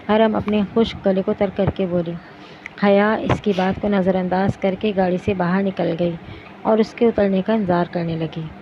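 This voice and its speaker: A woman narrating a novel aloud in a steady storytelling manner. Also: mid-range voice. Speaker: audiobook narrator. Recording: dull lo-fi recording with background noise.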